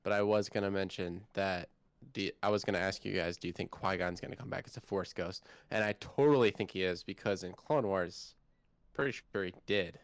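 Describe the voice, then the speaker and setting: Young man, casual podcast chat, fairly low, smooth, dry close sound, lots of "like". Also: brisk, no room sound. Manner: excitable, filler-heavy, says "like" often. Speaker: podcast co-host.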